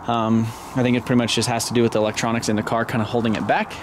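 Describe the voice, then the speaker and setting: A man in his thirties, a car vlogger, films himself on a handheld camera held at arm's length, speaking at a medium pitch with a flat, racing delivery over background noise. He wanders around cars at an outdoor salvage lot, later moving into a garage shop, rambling casually in a walkaround vlog full of ums and restarts.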